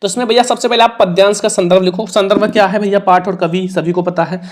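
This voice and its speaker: A man's voice: sits high, fairly even intonation, fast talker. A man with a Hindi accent teaching an exam prep lesson in a casual, coaxing way, repeating the answers and the marks.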